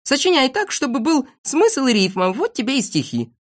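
A woman's voice: high-pitched, very animated, normal speed, pitched above the performer's own voice. Woman doing a weary boy poet. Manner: lecturing, weary.

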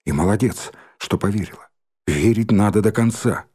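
A man reading an audiobook, voicing a calm, gentle old grandfather who speaks slowly and reassuringly. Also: on the low side, husky.

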